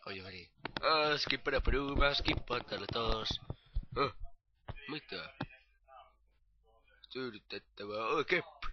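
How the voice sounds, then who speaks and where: A man's voice: mid-range voice, long pauses, noisy background. A rowdy man riffing through crude, improvised comedy banter. He mocks the others and barks insults at them. His voice sits in a middle range on a dull, lo-fi recording. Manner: rowdy, mocking, shouts insults. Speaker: amateur comedy voice actor.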